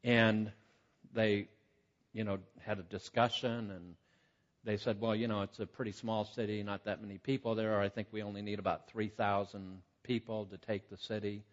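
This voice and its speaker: A male preacher teaching from the Bible in a halting, conversational way, his voice echoing as if in a big cave. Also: little pitch movement. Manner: conversational and halting, with repeated false starts. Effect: booming cave-like echo on the voice. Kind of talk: Bible teaching sermon, reading scripture aloud. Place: large reverberant room. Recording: echoey hall, muffled lo-fi sound.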